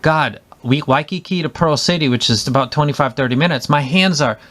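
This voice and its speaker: A man's voice: on the high side, brisk, fairly bright tone. A man giving a casual spoken headphone review, enthusiastic and rambling, with many restarts and fillers.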